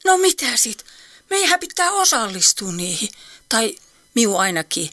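A woman's voice: on the high side, big pitch swings, bright, forceful tone, no echo. An actress playing a nosy, fussy elderly woman with an Eastern Finnish dialect in a radio play. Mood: fussing. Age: older.

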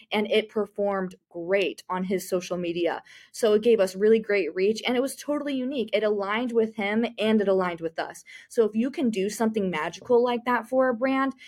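This is a young woman answering interview questions in a friendly, talkative way. She keeps slipping "you know" between her thoughts, and her voice sits at an everyday mid pitch. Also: a little mellow. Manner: chatty, with many "you know" fillers. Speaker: marketing communications manager.

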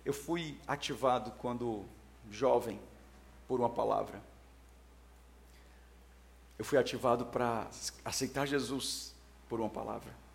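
A man in his forties delivers a sermon at a mid-range pitch. He preaches emphatically, with ringing, raised declarations that drop to hushed, personal asides. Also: a little slow, creaky, long pauses, a little hiss or hum. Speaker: pastor.

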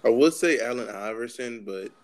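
A young man in a casual group chat, answering haltingly with many pauses and filler sounds. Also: mid-range voice, animated. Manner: hesitant, lots of ums and pauses. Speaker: chat guest.

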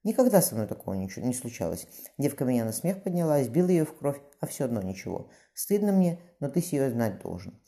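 Tearful devoted youth, read by a man, quick and dark-toned. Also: mid-range voice, very animated, vocal fry. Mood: pleading.

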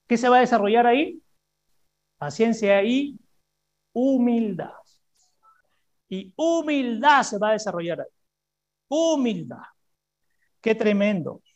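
A woman's voice: fairly high pitch, lively intonation, takes it slowly, long pauses. A woman preacher delivering a sermon to a congregation, asking rhetorical questions, repeating key phrases and having the listeners repeat them back. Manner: emphatic, with frequent repetition. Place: church service before a congregation.

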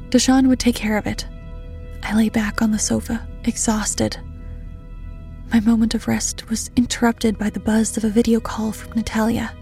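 A woman reading a horror story in scripted narration, steady and measured, often dropping to a hushed near-whisper. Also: a little high, creaky.

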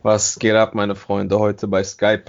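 A man's voice: lowish voice, monotone, slow, creaky. Casual young man, muffled call sound. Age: young adult. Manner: slangy, reactive. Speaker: podcast co-host. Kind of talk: casual chat. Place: on an internet call. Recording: dull internet call audio.

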